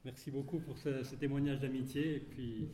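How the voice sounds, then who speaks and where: Mellow-voiced man hosting in an echoey room. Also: mid-range voice, fairly even intonation, moderate pace. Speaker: host introducing a guest speaker. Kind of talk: spoken introduction at a public event. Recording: echoey room, faint noise.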